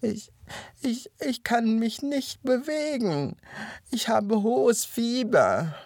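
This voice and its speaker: A squeaky, shrill little hare from a storybook, as a man puts him on, crafty and boastful. His voice sits far above a man's usual pitch and leaps about wildly. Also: wildly swooping pitch, slow, darkish tone, slightly rough, no echo, studio quality, full character voice. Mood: whining. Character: sly boastful male hare, small trickster.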